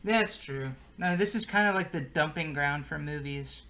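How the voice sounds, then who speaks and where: A man's voice: on the high side, normal speed, pushed and bright. A young man co-hosting a podcast, rambling casually with lots of fillers and swearing. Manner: rambling, filler-heavy, profane. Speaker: podcast co-host. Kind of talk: casual chat.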